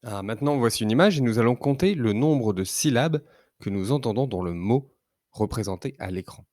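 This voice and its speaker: A man teaching young children to read, sounding out syllables slowly and carefully. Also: mid-range voice, lively intonation, darkish tone, no echo, clean studio sound. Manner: slow, careful, drawn-out syllables. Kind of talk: slow reading lesson for young children.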